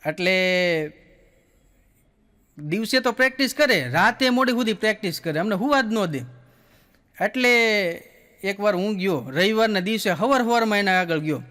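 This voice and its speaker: A Kathiawadi Gujarati comedian tells his jokes in a folksy storytelling way, acting out each person in his stories. His voice sits high for a man. A long hall reverb trails after his words. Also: lively intonation, moderate pace, long pauses, bright, forceful tone. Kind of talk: stand-up joke telling.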